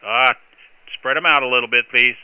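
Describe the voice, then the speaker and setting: A man's voice: medium pitch, steady tone, normal speed, heavy background noise. A man working as an amateur radio net controller, speaking in courteous, procedural marine radio style with phonetic call signs.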